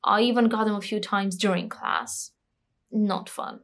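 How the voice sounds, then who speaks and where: A Bulgarian woman in her twenties, a native speaker, narrates a scripted language-learning vlog. Her medium-pitched voice is steady and a little slow, and her delivery is candid and self-deprecating.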